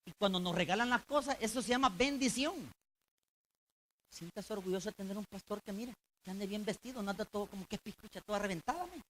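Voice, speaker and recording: A male pastor preaching a colloquial sermon in church, swinging between loud emphasis and low intense tones and addressing the congregation directly. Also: quick pace, a little hiss or hum.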